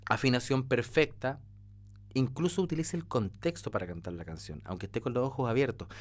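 A man's voice: medium pitch, lively intonation, a little fast. A man working as a vocal coach, reacting to a singing clip and breaking into sung demonstrations as he explains. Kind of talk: reaction video analysis of singing.

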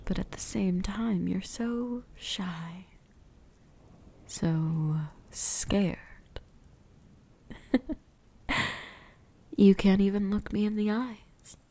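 In an ASMR roleplay, a woman plays a possessive, teasing vampire huntress, breathy and whispery with deliberate, softly menacing delivery. Her voice is medium pitch and exaggerated.

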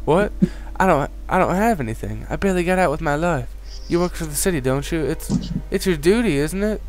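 A man's voice: on the high side, lively intonation, brisk, slight background noise, pitched above the performer's own voice, natural voice. A man voicing a frightened, pleading townswoman in a video game with a put-on Southern belle accent, melodramatic in manner. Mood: terrified pleading. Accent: put-on American Southern.

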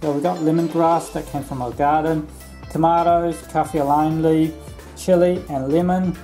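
A man in his thirties from Laos, casually explaining a recipe in his home kitchen, chatty and relaxed, filming himself at arm's length. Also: on the high side, moderate pace, faint music behind, rough recording. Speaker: vlog host. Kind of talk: casual cooking vlog.

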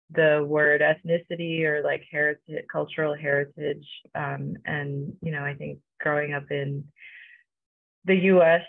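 A woman's voice: low-pitched, gravelly, dry recording. A young woman from Romania, a co-curator, talking casually on a video call with many fillers and restarts. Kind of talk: casual panel talk. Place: home room with bookshelves. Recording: dry, phone-like video call audio.

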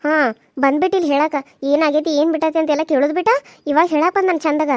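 Casting: woman voicing a very high, rapid-fire cartoon young wife, North Karnataka accent, defiant. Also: steady tone, darkish tone, no room sound, clean studio sound, close to an everyday voice. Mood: scolding. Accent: North Karnataka Kannada. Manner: shrill, scolding, tearful outbursts. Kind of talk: Kannada cartoon serial voice acting.

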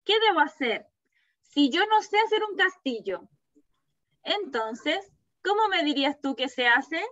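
A woman teaching a kindergarten class over a video call, asking slow, patient questions and praising the children. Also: high voice, very animated, fairly bright tone, no room sound. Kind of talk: online class with young children. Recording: dull, muffled video-call audio.

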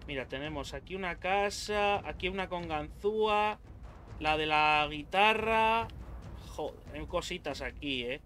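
A man's voice: a little high, animated, a little slow, over music. A young man from Spain, doing horror game commentary, swearing and yelping when startled. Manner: jumpy, swears a lot, yells when startled. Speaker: gaming YouTuber.

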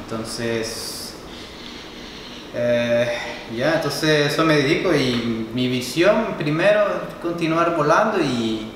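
A man in his twenties, from Nicaragua and raised in Canada, answering interview questions in a hesitant, soft-spoken way, seated on a couch. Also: a little high, expressive, slow. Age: 20s. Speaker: guest. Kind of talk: casual interview. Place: bright room, seated on a leather couch. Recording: echoey room with reverb and background noise.

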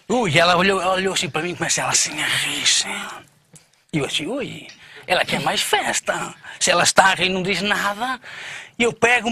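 A man telling a comic story as a guest, playful and acting out voices. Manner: animated, playful, acts out voices with big pitch jumps. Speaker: comedian guest. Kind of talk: comic storytelling in a radio interview.

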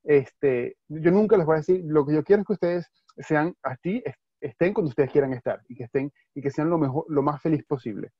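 A man's voice: a little high, a little fast, hardly any pauses, no room sound. A man from Venezuela with a Venezuelan accent, a university advisor answering questions in a webinar, reassuring and slipping in English words. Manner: reassuring, mixes in English words, restarts often. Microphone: video call. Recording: dry, slightly dull video-call audio.

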